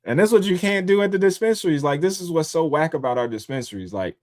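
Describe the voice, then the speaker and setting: A man hosting a livestream from home, talking loosely and with plenty of swearing. He is animated, and he swings from low, easy asides up to high mocking voices. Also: quick pace. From born in upstate New York, raised in the DC area. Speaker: livestream host. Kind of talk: casual livestream commentary. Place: home in Columbus, Ohio.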